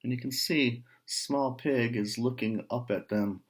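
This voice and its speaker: Reading a picture book aloud to little ones, this medium-pitched man stops between brief phrases and tosses in offhand comments and questions.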